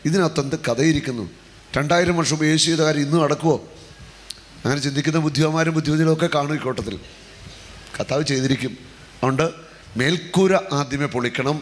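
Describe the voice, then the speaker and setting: A male preacher giving a fervent healing sermon, calling on the congregation to answer back and moving between hushed talk and shouting. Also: fairly high pitch, a little hiss or hum. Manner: fervent, call-and-response, shifts from hushed to shouting. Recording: long hall reverb.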